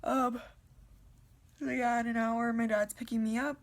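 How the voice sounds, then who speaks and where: A young woman vlogging casually at home to a camera, with a low voice and a rambling, chatty way of talking full of ums. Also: flat delivery, a little slow. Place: at home, indoors in her apartment. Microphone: camera in front of her.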